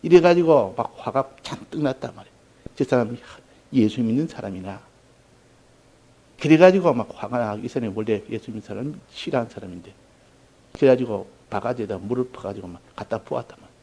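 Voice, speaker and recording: A man preaching a sermon, telling a story in an earnest way, with sudden loud emphasis. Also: mid-range voice, lively intonation, fairly quick, husky, rough recording. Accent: Korean. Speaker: pastor.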